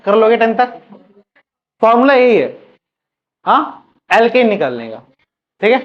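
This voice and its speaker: A man teaching a chemistry class, asking questions and repeating the answers for students to drill. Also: high-pitched. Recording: muffled lo-fi classroom recording.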